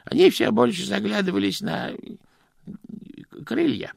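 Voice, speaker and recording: A man's voice: high-pitched, lively intonation, measured pace, gravelly, dry recording, clean studio sound, pitched above the performer's own voice, exaggerated voice. A man voicing a very old junior postman who speaks hesitantly and patiently, with fussy evasions. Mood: evasive.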